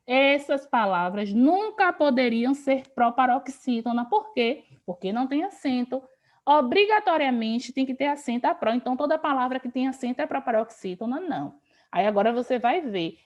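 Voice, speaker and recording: Slow-stressing Brazilian woman teacher. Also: sits high. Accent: Brazilian Portuguese. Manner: explanatory, stretches words slowly for emphasis. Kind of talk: online grammar lesson. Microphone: video call.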